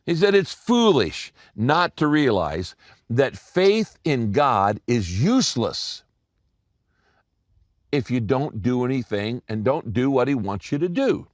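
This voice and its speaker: A male pastor preaching a sermon with emphatic, repeated phrases and deliberate pauses. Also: mid-range voice, no room sound, clean studio sound.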